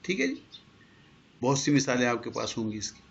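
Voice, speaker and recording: A man's voice: mid-range voice, huge pitch swings, gravelly. A man teaching a class, explaining step by step and asking rhetorical questions. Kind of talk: lecture to a class. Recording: dull lo-fi recording.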